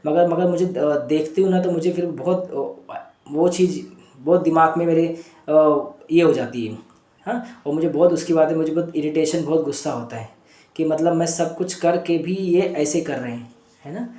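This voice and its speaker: A man's voice: a little high, normal speed, dark tone, close to an everyday voice. A man voicing a distressed woman patient in pain, pleading and repeating herself, calling him sir. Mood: hurt and angry. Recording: echoey room.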